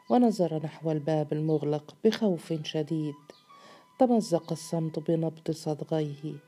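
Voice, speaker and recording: A woman narrates an audiobook story in a measured, dramatic way. Her voice is low and mellow. Faint music plays behind her.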